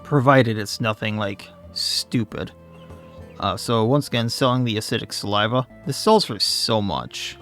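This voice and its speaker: A man's voice: lowish voice, unhurried, fairly bright tone, soft background music. A man, slightly losing his voice, commenting casually on his own gameplay and thinking aloud as he plays. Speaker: let's play host.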